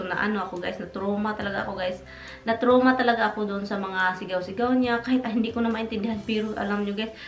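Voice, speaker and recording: A Filipina woman vlogger telling a personal story in a casual, emotional, rambling way, addressing viewers as "guys" over and over. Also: medium pitch. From Philippines. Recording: echoey room with faint music.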